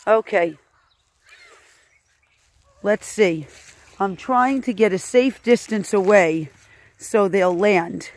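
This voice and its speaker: Outdoors at a rural animal sanctuary, a woman hosts a casual vlog, narrating to viewers in a medium-pitched voice. She speaks slowly with long pauses, exclaiming in amazement and repeating her phrases.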